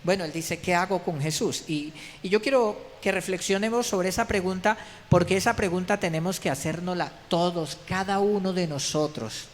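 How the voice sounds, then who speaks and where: A fairly high-pitched man delivers an emphatic sermon, pressing his congregation with rhetorical questions. His voice rings with a long church-hall reverb. A faint hiss of noise sits underneath. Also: normal speed. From Colombia. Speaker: pastor.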